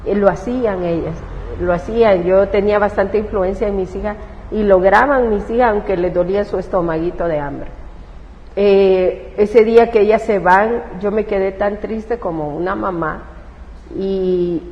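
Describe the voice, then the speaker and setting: A woman's voice: mid-range voice, normal speed. A woman pastor with a Salvadoran accent telling her testimony in an interview. She speaks with feeling and acts out the words she once said. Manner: emotional storyteller who acts out her own past words. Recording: roomy, dull recording with faint hiss.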